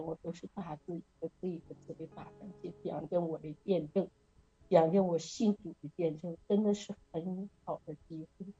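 A middle-aged woman speaks over an online call, sharing a casual, earnest testimony at a prayer meeting. Her voice sits a little low and sounds mellow and husky, and she laughs often as she talks. The call audio is dull and lo-fi. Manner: earnest, often laughing while telling a story.

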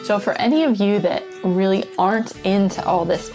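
A woman's voice: mid-range voice, normal speed, over music. A woman podcast host speaking casually to her listeners. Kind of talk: casual podcast introduction and interviewing.

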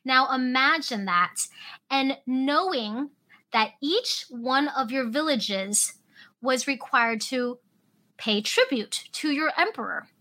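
A woman podcast host with a high, bright voice talks casually and eagerly. She leans into words with lively emphasis as she tells stories to her listeners. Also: slow pace, low-quality recording. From Hong Kong, raised in Alaska. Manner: enthusiastic, storytelling, lively emphasis. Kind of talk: casual solo podcast talk.

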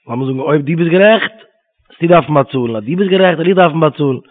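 A man's voice: on the high side, fast talker. A man giving a Talmud lesson, reading Hebrew quotes and explaining them in Yiddish. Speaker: Talmud teacher. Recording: tinny phone-line sound.

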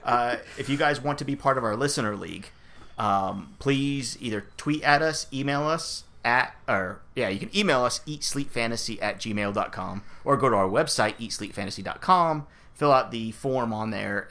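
A man co-hosting a fantasy football podcast in casual chat, upbeat and quick to laugh, with many "uh"s and "um"s. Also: mid-range voice, bright, forceful tone. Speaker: podcast co-host.

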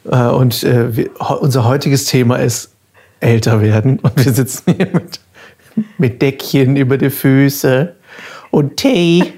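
Husky-voiced man in his thirties, podcast host. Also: mid-range voice, a little slow, mellow. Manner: playful, self-deprecating. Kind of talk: casual conversational podcast talk.

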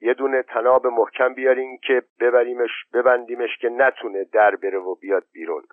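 A man's voice: medium pitch, fairly even intonation, no echo, pitched above the performer's own voice, natural voice. A man voicing a practical, decisive village man who gives firm instructions, on a tinny, narrow-band recording.

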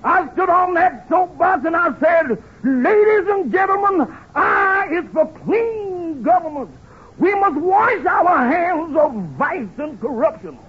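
An actor playing a bombastic, excitable scheming man in a 1950s radio comedy, declaiming and repeating himself. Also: very high-pitched, slow, heavily acted. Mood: pompous. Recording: muffled, noisy old radio recording.

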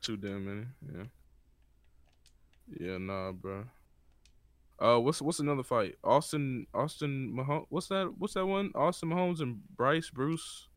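A young man in casual, slangy chat, swearing and repeating words in excited bursts. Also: mid-range voice, measured pace, no room sound, studio quality. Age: young adult.

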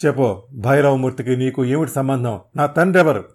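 A man's voice: medium pitch, fairly even intonation, normal speed, a little mellow, natural voice. A man voicing a cold, ruthless young man who makes clipped threats. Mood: menacing.

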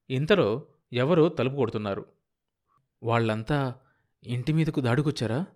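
A man reads a novel aloud as an audiobook, steady and expressive. His voice sits at an ordinary middle pitch for a man, and he tells the story in a measured, dramatic way. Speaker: audiobook narrator.

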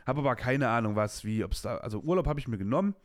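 This podcast host is a man in his late twenties who talks fast and animatedly in a mid-range voice, with no echo. He rambles openly and candidly through a casual personal monologue, packed with slang and restarts.

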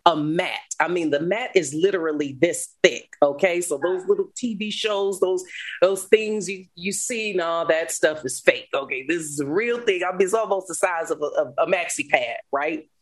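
A woman guest speaker telling her life story in an interview, animated, laughing often, moving between loud and hushed. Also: fairly low pitch, moderate pace. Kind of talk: emotional storytelling.

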